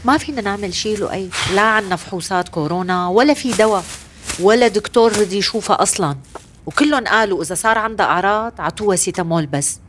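A woman's voice: mid-range voice, quick pace, a bit bright, slight background noise, natural voice. A woman playing a worried, caring grown daughter looking after her mother. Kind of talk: domestic drama acting.

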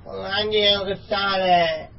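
A man's voice: high-pitched, steady tone, moderate pace, vocal fry, slight background noise. An actor playing a street junk buyer who sings out his calls. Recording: dull lo-fi sound.

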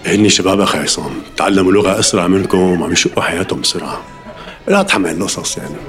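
A man playing a blunt, deep-voiced shopkeeper. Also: big pitch swings, racing, fairly bright tone, soft background music. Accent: Levantine Arabic. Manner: firm, advising, matter-of-fact. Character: settled immigrant shopkeeper, blunt practical adviser.

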